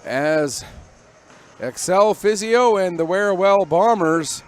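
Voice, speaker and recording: A man with a fairly high voice calls an ice hockey game play by play. He runs brisk, steady calls from pass to pass, voice lifting when the action heats up. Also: faint music behind. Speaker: play-by-play commentator.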